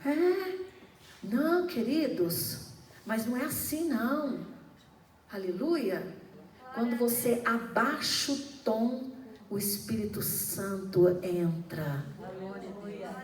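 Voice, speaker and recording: A woman's voice: fairly high pitch, takes it slowly, pauses often, a little mellow. A middle-aged woman pastor with a Brazilian accent preaching a fervent sermon, calling out to the congregation with frequent hallelujahs. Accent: Brazilian Portuguese. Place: church. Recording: echoey room, mic at a distance, faint ambience.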